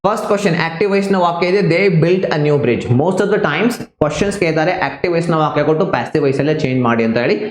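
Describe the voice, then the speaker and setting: A male teacher with a Kannada accent, explaining grammar one step at a time in a mix of Kannada and English. His voice sits a little high for a man. The room around him rings with echo. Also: fairly quick, few pauses. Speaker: exam prep teacher. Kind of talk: online class lecture.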